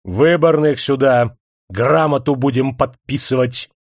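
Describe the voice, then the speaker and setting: A man voicing an arrogant, bilious prince-general who shouts commands at a crowd. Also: medium pitch, a little slow, no echo, clean studio sound. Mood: imperious shouting. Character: bilious arrogant old prince-general, hysterical when defied.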